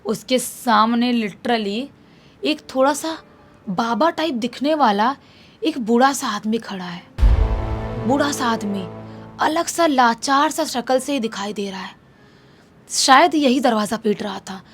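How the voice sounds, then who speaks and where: A woman casually narrating a spooky story, acting out the characters' lines with a raised, louder voice. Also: animated, a little slow, slightly rough, faint music behind. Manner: acts out quoted characters with raised pitch and loudness. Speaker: horror storyteller. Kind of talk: casual spoken horror narration.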